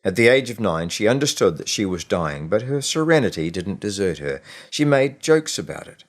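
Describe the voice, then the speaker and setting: A man whose voice runs on the low side reads a short story aloud as scripted audiobook narration. His pacing is measured and expressive, marked by deliberate pauses.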